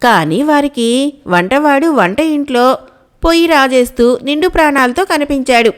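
High-voiced woman storyteller. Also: normal speed. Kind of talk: reading a children's folk tale.

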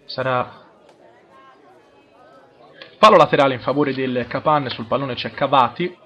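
An Italian man gives live play-by-play of a football match. He speaks in measured, halting short phrases as he follows the ball, with some crowd noise around him. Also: medium pitch, fairly bright tone. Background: crowd at a football ground.

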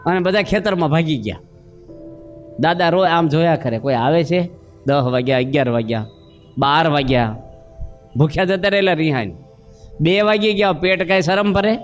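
A man preaching a sermon, telling homely stories and questioning his listeners. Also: sits high. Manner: storytelling with acted voices and questions to listeners.

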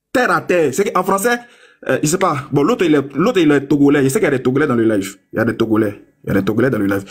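A young man argues in a combative live-stream debate, jeering at his rivals. His voice sits fairly high and has a slightly husky grain. When he quotes his source, he reads each phrase slowly and deliberately. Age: young adult. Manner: taunting, mocking opponents.

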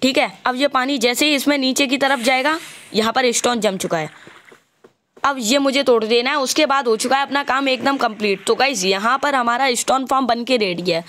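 A man giving casual gameplay commentary, chatty and walking the viewer through each step, stopping to fix his own mistakes out loud. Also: very high-pitched, a little fast. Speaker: gaming channel host.

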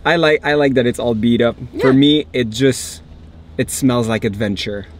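A man's voice: mid-range voice, normal speed, a little hiss or hum. A man hosting a casual travel vlog, upbeat and chatty, with frequent laughs. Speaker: travel vlogger host. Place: inside an old jeep, then outdoors in rain.

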